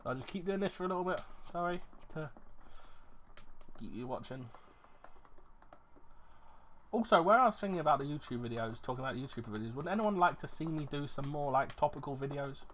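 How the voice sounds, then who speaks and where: A man with a slightly high, bright, otherwise plain voice talks a little fast and animatedly, pausing often, over slight background noise. He's a YouTuber reviewing ration packs in an unscripted vlog, rambling and self-deprecating, restarting often as he thinks aloud.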